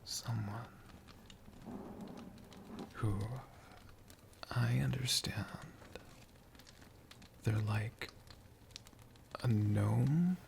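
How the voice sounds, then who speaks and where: A man voices a friendly, humble, bookish dragon in a whispered ASMR storytelling roleplay, hushed and friendly in mood. He whispers softly, slow and unhurried, in a mid-range, creaky, heavily acted voice. There is a little hiss or hum.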